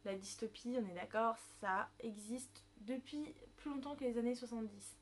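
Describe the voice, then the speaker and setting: A woman's voice: fairly high pitch, normal speed. A woman, presenting a book review on her vlog in a chatty way, with many fillers and self-corrections. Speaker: book vlogger.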